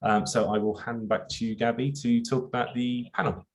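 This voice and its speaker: A man's voice: mid-range voice, fairly even intonation, brisk. A man presenting on a video call before handing back to the host, hesitant with fillers.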